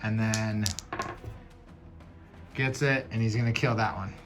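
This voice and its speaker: With music in the background, a man in a fairly low, steady, unhurried voice plays a solo tabletop dungeon game as game master. He reads out cards, tallies moves and dice rolls, and muses aloud over the rules.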